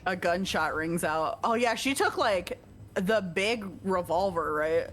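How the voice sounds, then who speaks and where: A woman's voice: lowish voice, lively intonation, a little slow, a bit bright. A woman streamer reading a visual novel's text aloud, stopping often to joke and laugh with a co-player. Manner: reads text evenly, breaks off to joke and laugh. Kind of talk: let's-play narration with casual asides.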